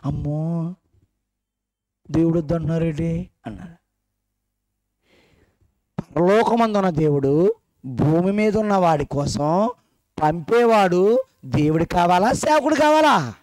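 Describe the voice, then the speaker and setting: Guy preaching to a church crowd, fairly high voice, keeps firing questions at them, dry close sound. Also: animated, a little slow, pauses often, a little mellow, no echo. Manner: questions the congregation directly and teasingly. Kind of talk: sermon. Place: church meeting hall.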